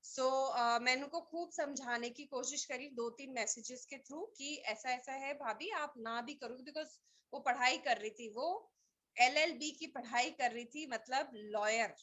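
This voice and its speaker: A woman giving a motivational team training talk, energetic and rallying, telling stories with quoted dialogue. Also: high-pitched, measured pace. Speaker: team trainer for a direct-selling business.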